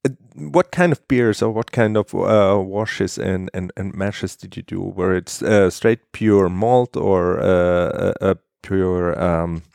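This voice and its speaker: A man with a very deep, gravelly voice asks his questions slowly. He hesitates and searches for words as he goes. The sound is dry. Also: darkish tone, dry recording. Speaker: interviewer. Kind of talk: casual interview.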